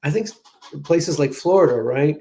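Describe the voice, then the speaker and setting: A man's voice: on the high side, normal speed, warm tone. A man giving political analysis as a strategist guest, talking conversationally with frequent restarts. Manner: conversational, restarts, "you know" fillers. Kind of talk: political commentary interview.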